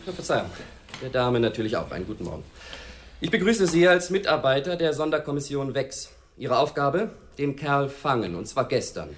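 A brusque police chief, played by an actor in a radio drama. He speaks in curt, commanding bursts with a dry, sardonic edge. His pitch sits in the middle. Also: big pitch swings, moderate pace, close to an everyday voice. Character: brusque male police chief briefing a task force.

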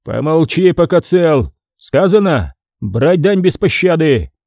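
A man's voice: a little high, sing-song, takes it slowly, a little mellow, dry recording, studio quality, pitched above the performer's own voice, heavily acted. A man voicing a harsh, greedy medieval tax scribe who talks down sternly and threateningly.

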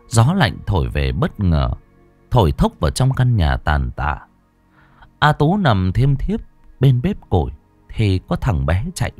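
A man narrating an audiobook story in an expressive, storytelling way. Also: lowish voice. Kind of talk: scripted narration.

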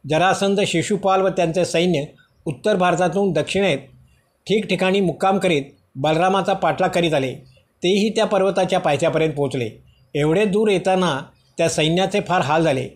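A man reading a prose rendering of a sacred story in steady, measured narration. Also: high-pitched. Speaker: reader of scripture.

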